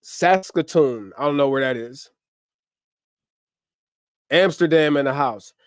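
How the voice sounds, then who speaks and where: An American man who grew up in Ohio hosts a casual livestream from home, reeling off upbeat, slangy shout-outs. He's short on sleep, his voice sits a bit high, and he speaks slowly. The camera mic on his livestream setup gives a dry, close sound without room echo.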